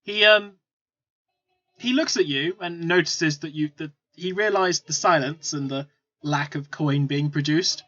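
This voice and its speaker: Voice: mid-range voice, a little slow. Laid-back tabletop game master narrating. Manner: relaxed descriptive narration with fillers. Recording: lo-fi with faint music.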